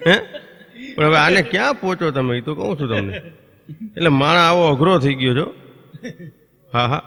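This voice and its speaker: A man with an expressive, gravelly voice on the high side does stand-up folk comedy, telling stories and quickly voicing neighbours and children. Crowd noise can be heard, along with the long reverb of a stage hall.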